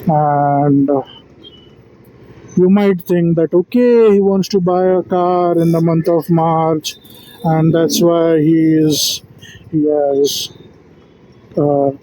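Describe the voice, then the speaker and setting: A man's voice: high-pitched, mellow, a little hiss or hum, low-quality recording. A man rambling through a solo vlog, tired and yawning, who keeps stumbling, restarting and correcting himself with self-deprecating asides. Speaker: vlogger.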